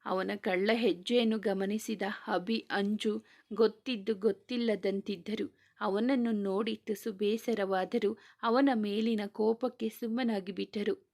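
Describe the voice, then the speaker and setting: A woman reading a serialized romance novel aloud in a soft, steady voice. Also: medium pitch, measured pace, creaky. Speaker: storyteller.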